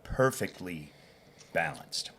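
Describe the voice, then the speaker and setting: Casual guest, low-ish male voice, easygoing rambling talk, faint room hum. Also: slow. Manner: relaxed, rambling with restarts. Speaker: guest whiskey collector. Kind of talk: casual tasting chat.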